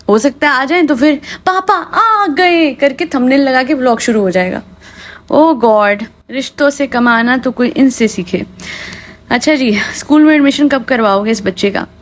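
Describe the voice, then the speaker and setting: A woman with a Punjabi-tinged Hindi accent hosting a podcast, sarcastic and often laughing, mixing in English. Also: high-pitched. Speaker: podcast host. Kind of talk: mocking commentary podcast.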